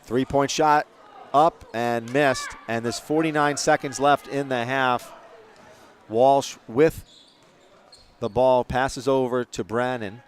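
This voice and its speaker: A man at an ordinary pitch calls a high school basketball game from the press box. He chats between plays, rambles a little and stops to correct himself. A faint hum of the gym sits underneath. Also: steady tone, slow pace. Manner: chatty, rambling asides, self-corrections. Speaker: play-by-play commentator. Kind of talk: local sports commentary.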